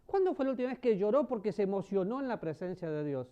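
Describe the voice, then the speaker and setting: A man preaching a sermon, asking the congregation questions and swinging between loud emphasis and soft, low passages. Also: very animated, fast talker. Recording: dull lo-fi sermon recording.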